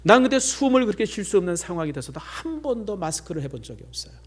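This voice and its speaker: Middle-aged male pastor, fairly high voice with big swings, chatty sermon storyteller, drops to near-whispers. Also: very animated, fast talker.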